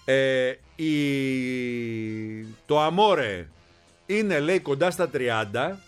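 A man co-hosts a radio show in playful banter, his voice leaping up and down with animated emphasis. He teases his partner and makes big comic points. A faint music bed plays beneath him. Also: clear, resonant tone. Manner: animated, teasing, pitch jumps for emphasis. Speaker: co-host.

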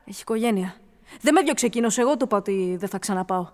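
A woman's voice: medium pitch, expressive, darkish tone, in a large hall, natural voice. A woman playing a young man on the run who speaks earnestly and plainly. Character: young man Nikolas, hunted fugitive, loyal.

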